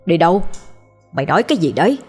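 A woman's voice: lowish voice, very animated, fast, a little mellow, slightly rough, soft background music, exaggerated voice. A woman voicing a frightened older man who anxiously demands answers over a late-night phone call. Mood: alarmed.

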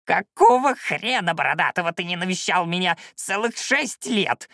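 A man voicing a scrawny, cantankerous old male shaman who yells and scolds in a creaky voice, in an audiobook. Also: high-pitched, big pitch swings, measured pace, no room sound, studio quality, pitched above the performer's own voice, heavily acted. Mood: scolding. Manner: yelling, scolding. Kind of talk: audiobook character voice.

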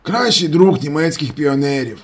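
A man's voice: a little high, animated, moderate pace, pitched above the performer's own voice. A man voicing a cheerful gas station owner who explains things in an amused, matter-of-fact way.

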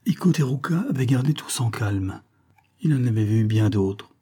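Male audiobook narrator, steady storytelling, dark husky tone. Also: mid-range voice, moderate pace. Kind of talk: scripted narration.

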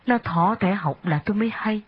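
A woman reading an audiobook, voicing a humble, grieving man who speaks slowly and haltingly through tears. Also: medium pitch, slightly rough. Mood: sorrowful. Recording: dull lo-fi audio.

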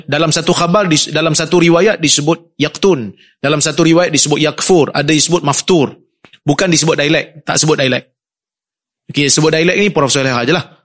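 A man co-presenting in a scholarly discussion, measured and firm as he repeats points for emphasis. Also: fairly high pitch, fairly even intonation, a bit bright. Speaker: co-presenter at an academic review.

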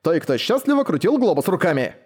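A man's voice: high-pitched, very animated, fairly quick, a little mellow, husky, pitched above the performer's own voice, full character voice. A man voicing a bold, blunt young male retainer who argues earnestly. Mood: pleading.

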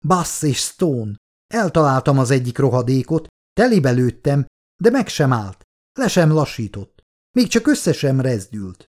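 A man's voice: mid-range voice, big pitch swings, darkish tone, lightly acted. A man voicing a panicked male mercenary who rants in an agitated voice. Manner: agitated, ranting. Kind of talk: audiobook character voice.

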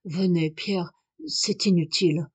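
A woman's voice: lowish voice, fairly even intonation, takes it slowly, darkish tone, breathy edge, dry recording, exaggerated voice. A woman voicing an aristocratic male scholar, speaking with urgent, exalted passion. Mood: courteous, subdued.

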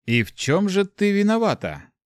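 A man's voice: high voice, expressive, normal speed, no echo, studio quality, voice pushed up. A man voicing an earnest, defiant young adventurer.

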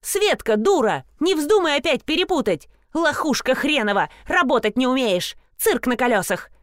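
A woman reading an audiobook, voicing a shrill, rude young blond woman who screeches insults. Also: moderate pace, dry recording, clean studio sound, natural voice. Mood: screeching.

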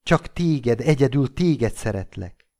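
A man's voice: medium pitch, lively intonation, darkish tone, lightly acted. A man voicing a middle-aged woman in love, gushing and pleading in an audiobook reading. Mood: lovesick. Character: doting middle-aged woman, lovesick and meek.

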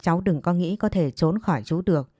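A possessive older lover speaks in a coaxing, bossy way, voiced by a woman storyteller. The voice sits low with a dark, mellow tone. It has a dry sound with faint music underneath. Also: brisk, breathy edge, no room sound.

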